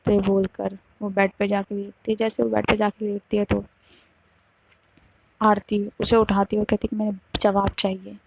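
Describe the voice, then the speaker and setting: Gravelly woman telling a storytime. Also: medium pitch, monotone, normal speed, darkish tone, poor audio. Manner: conversational, stringing events with "then she says". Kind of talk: casual storytime narration.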